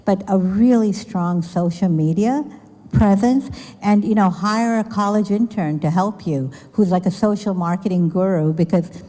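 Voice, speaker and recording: A woman's voice: medium pitch, normal speed, mellow. A woman speaker on a business panel giving candid, joking advice to an audience. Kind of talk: panel talk answering a question. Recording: echoey event hall.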